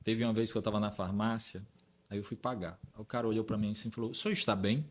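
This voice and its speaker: A Brazilian man hosting a casual conversation, telling stories in an animated way and acting out the dialogue. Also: lowish voice, quick pace. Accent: Brazilian Portuguese. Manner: animated storyteller, acts out dialogue. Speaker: host.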